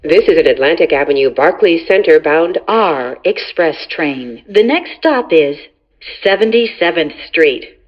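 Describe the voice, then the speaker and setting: A woman's voice: low-pitched, lively intonation, unhurried, muffled recording. A woman announcing train stops in prerecorded words spliced together, with abrupt jumps between the joined phrases. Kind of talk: recorded transit announcements.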